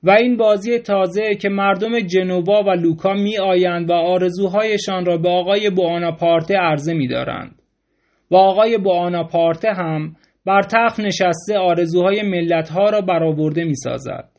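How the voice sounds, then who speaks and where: Man reading as a mocking aristocratic hostess, fairly high voice, indignant, audiobook storybook reading. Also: darkish tone. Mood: scornful. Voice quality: indignant, mocking salon talk. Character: scornful aristocratic hostess, woman, middle-aged.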